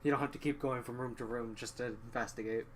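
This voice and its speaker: A man's voice: mid-range voice, steady tone, fast. A man co-hosting a let's play, reading game dialogue aloud with casual commentary.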